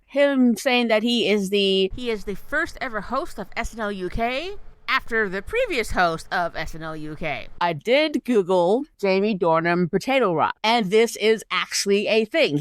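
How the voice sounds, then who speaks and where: A woman co-hosting a podcast, chatting casually with quick summarizing asides. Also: medium pitch, clear, resonant tone, no room sound, low-quality recording. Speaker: podcast co-host. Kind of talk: casual chat.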